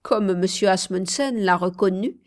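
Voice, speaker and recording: Woman, audiobook narration, slow pace, measured delivery, mid-pitched voice. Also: a little mellow. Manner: slow, measured reading with dialogue voiced in a raised tone. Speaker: audiobook reader. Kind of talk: scripted narration.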